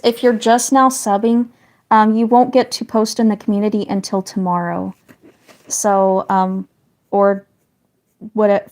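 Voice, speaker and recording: A woman from the northern United States chats casually with livestream viewers as she draws, wandering between topics and often trailing off into quiet asides. Her voice is medium-pitched.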